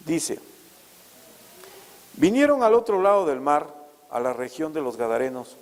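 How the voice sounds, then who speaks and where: A male pastor preaching a sermon, asking rhetorical questions and rising loud and high for emphasis. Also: big-room sound, low-quality recording.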